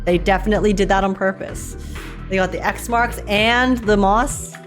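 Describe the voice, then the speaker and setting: A woman's voice: mid-range voice, fairly even intonation, moderate pace, music in the background. A woman game streamer giving casual reaction commentary in a slangy, exclamatory way.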